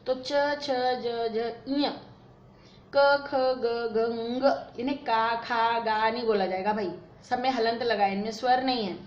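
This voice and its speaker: Woman, Sanskrit teacher, higher voice, drills word forms, echoey lo-fi room. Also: fairly even intonation, unhurried, hardly any pauses. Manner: explains patiently, repeats word forms in drills; mixes English words into explanations. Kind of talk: classroom lesson at a board. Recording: echoey room, dull lo-fi sound, faint noise.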